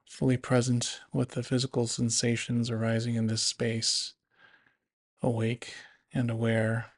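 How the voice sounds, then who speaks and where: Guiding listeners through a body scan meditation, a man speaks at medium pitch in a soft, patient, instructional way.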